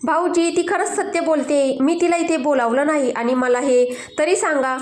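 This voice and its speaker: A woman's voice: high voice, fairly even intonation, normal speed, reverberant, close to an everyday voice. A woman voicing a protective older brother in a storybook, protesting indignantly.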